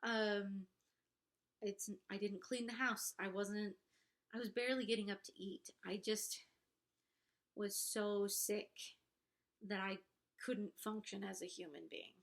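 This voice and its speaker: Speaking to camera in a relaxed, confessional way, a pregnant young woman who vlogs keeps a steady tone at a middling pitch and a slow pace. She sounds stuffed up, and her thoughts emerge frankly but haltingly, with some self-consciousness.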